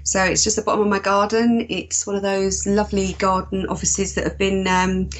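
A woman's voice: medium pitch, little pitch movement, moderate pace, rough recording. A middle-aged woman with an Essex accent, chatting as a guest in an interview. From Essex, England. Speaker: podcast guest, virtual assistant. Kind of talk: conversational interview. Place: small converted garden office. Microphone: internet call.

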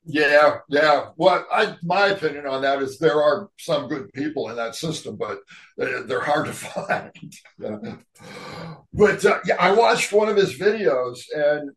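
A man's voice: fairly high pitch, a little slow, a bit bright. A man co-hosting a podcast, chatting casually and mostly agreeing, recorded roomy and far from the mic. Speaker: podcast co-host.

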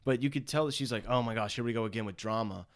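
A man co-hosting a casual chat, animated and laughing often as he retells scenes. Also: medium pitch, quick pace. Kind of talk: casual chat about a dating show.

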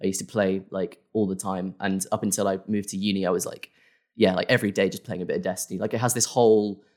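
Low-voiced young man, rambling. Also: flat delivery, fast talker, darkish tone. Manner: rambling, many fillers and self-corrections. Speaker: guest creator. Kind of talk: casual interview.

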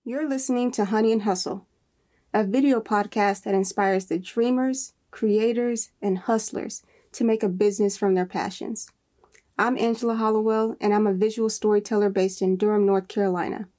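Mellow-voiced woman hosting a podcast. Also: medium pitch, steady tone, moderate pace. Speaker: podcast host.

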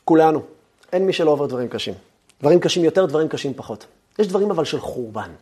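A man giving a lively lecture, telling the story with animation and dropping to a hush at times. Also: on the high side, slightly rough. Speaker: Torah lecturer.

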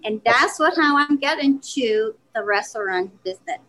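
A woman's voice: fairly high pitch, lively intonation, moderate pace, bright, forceful tone, low-quality recording. A woman in her forties from Vietnam with a Vietnamese accent, a restaurant owner talking earnestly in a podcast interview and often restarting her sentences. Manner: earnest storytelling with frequent restarts.

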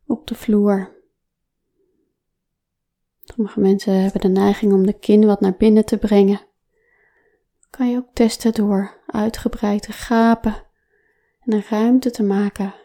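Soft whispery woman guiding a relaxation exercise, really slow, super mellow tone. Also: mid-range voice. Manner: soft, calm, often whispering. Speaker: relaxation guide. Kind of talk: guided body-awareness exercise.

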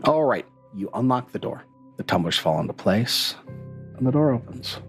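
A man's voice: mid-range voice, expressive, moderate pace, soft background music. A man running a tabletop game as game master, narrating scenes and bantering playfully with the players.

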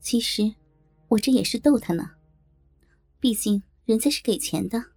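A woman telling a story in the first person, in a colloquial, brisk storytelling manner. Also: a little high, warm tone. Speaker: narrator.

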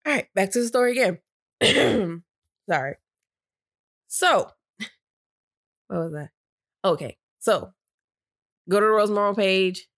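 A woman co-hosting a casual podcast tells a story slowly in a mid-range voice, pausing often, with a stuffy nose and catching her breath between rambling sentences. She's chatty, downplays any excitement, and restarts her thoughts, recorded with dry, clean studio sound.

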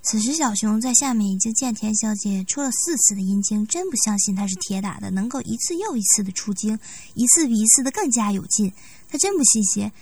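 A woman narrating a story in a steady, even reading voice. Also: medium pitch, brisk, a little hiss or hum. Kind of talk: scripted audiobook narration.

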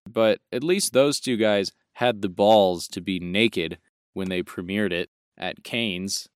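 A man's voice: lowish voice, slow pace, smooth, no room sound, studio quality. A young man co-hosting a casual film review podcast, rambling and joking, often correcting himself mid-sentence. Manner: rambling, jokey, self-correcting. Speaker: podcast co-host.

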